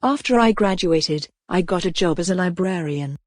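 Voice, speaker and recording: A woman teaching English grammar, reading example sentences slowly and clearly in a scripted lesson. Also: lowish voice, lively intonation, a little mellow, no echo, clean studio sound. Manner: slow, clear, deliberate reading.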